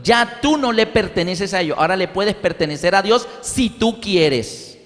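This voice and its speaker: A man's voice: high voice, normal speed. A man from Colombia preaching a sermon, telling a family story and acting out the voices in it. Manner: animated storytelling, acts out voices. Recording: reverberant hall.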